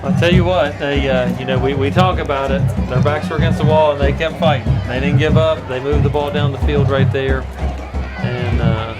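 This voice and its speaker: A man giving casual color commentary on a football game in a halting, conversational way. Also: medium pitch, steady tone. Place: outdoor football stadium. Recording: loud crowd and music behind. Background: crowd and loud music.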